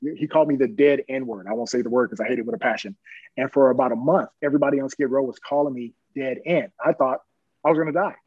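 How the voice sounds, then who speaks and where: Husky middle-aged man telling stories. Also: mid-range voice, quick pace, no echo, dull audio. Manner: earnest, plain-spoken, chuckling storyteller. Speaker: police officer. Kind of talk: personal storytelling in an interview.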